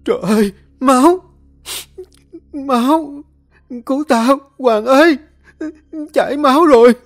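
A man's voice: extremely high pitch, takes it slowly, faint music behind, voice pushed up, exaggerated voice. A man voicing a furious young woman pickpocket, screaming shrilly. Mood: panicked.

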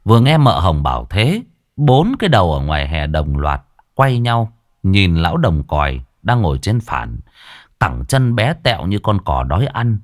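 A man telling a comic story in lively, earthy slang. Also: low-pitched, normal speed, no echo, clean studio sound.

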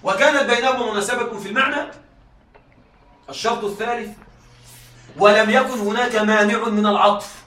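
Male lecturer, high and bright, quizzes the class often, recorded from across an echoey room. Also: steady tone, far from the mic. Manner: keeps checking students follow, repeats key points; reads examples slowly and deliberately. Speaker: teacher.

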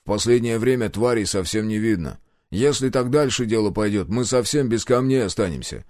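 A man's voice: on the low side, expressive, a little fast, a little mellow, no room sound, clean studio sound, lightly acted. A man voicing a surly, foul-mouthed hunter who answers questions with questions. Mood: sullen. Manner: gruff, sullen, swearing.

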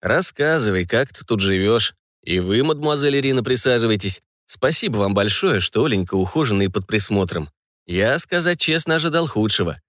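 A man playing a stern middle-aged cavalry colonel and father, measured and dryly ironic. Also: on the low side, lively intonation, a bit bright, no room sound. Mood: fatherly. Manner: stern, measured, dry irony.

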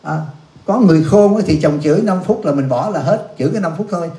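A man's voice: fairly high pitch, expressive, fast, warm tone. A man, a Buddhist monk, giving a blunt, scolding dharma talk and answering questions from the audience, teasing them with laughs. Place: youth center hall. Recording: echoey hall.

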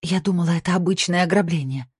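A woman's voice: lowish voice, quick pace, breathy edge, no echo, studio quality, pitched above the performer's own voice. A narrator putting on a frightened, accusing young captive woman.

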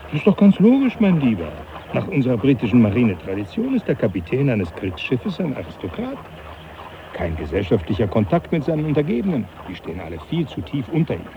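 A jovial teasing professor. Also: male voice, medium pitch, wildly swooping pitch, brisk, phone-quality sound, noisy background. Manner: jovial, teasing, laughs often. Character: jovial older male professor, mocking. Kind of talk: 1980s radio play acting.

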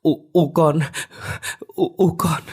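Man doing a young village mother in grief, high sobbing wails, storybook. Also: steady tone, a little fast. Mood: stunned. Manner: wailing, sobbing cries.

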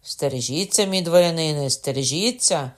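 A man's voice: high voice, normal speed, voice pushed up, lightly acted. A man reading an audiobook, voicing an eager middle-aged innkeeper calling out warnings.

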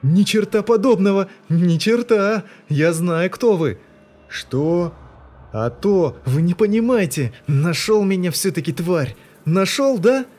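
A man's voice: high voice, expressive, takes it slowly, a little mellow, soft background music, voice pushed up, heavily acted. A man voicing a paranoid, armed crewman who screams threats from hiding. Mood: panicked yelling.

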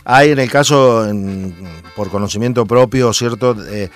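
A man's voice: medium pitch, unhurried, soft background music. A man from Argentina with an Argentine accent, hosting a radio talk show and speaking hesitantly with many fillers. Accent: Argentine Spanish.

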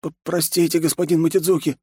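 A man's voice: a little high, little pitch movement, fast talker, warm tone, breathy edge, dry recording, studio quality, voice pushed up. A man voicing a terrified young man who prays frantically and stammers. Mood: panicked.

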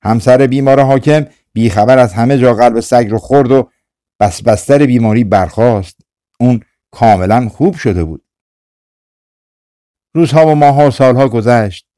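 Male audiobook narrator, mellow tone, dry close-mic studio sound, calm measured folktale reading. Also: medium pitch, dry recording. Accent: Persian. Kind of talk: scripted storytelling narration.

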